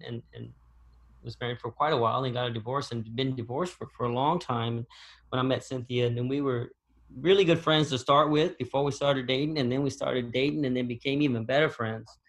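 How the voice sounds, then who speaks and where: A man guesting on a podcast, talking casually and often repeating words as he tells a personal story. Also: mid-range voice. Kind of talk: casual conversation.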